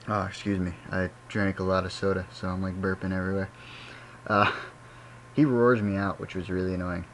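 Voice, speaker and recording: A man's voice: sits low, slight background noise, poor audio. A young man casually talking over his own game battle, rambling and correcting himself as he goes. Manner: rambling, self-correcting, chatty. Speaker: gaming commentator.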